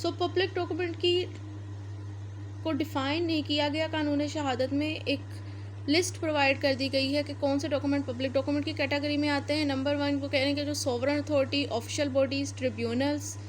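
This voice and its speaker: A Pakistani woman gives an explanatory law lecture, reading clauses and then explaining them, restating each point in a didactic way. Her high voice is flat and a little fast, with faint background noise in the recording.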